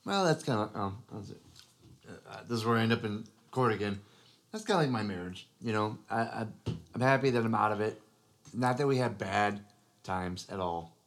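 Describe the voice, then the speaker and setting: Low-voiced man in earnest podcast chat. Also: animated. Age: adult father. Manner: earnest, halting, with many restarts and "you know". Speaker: podcast co-host.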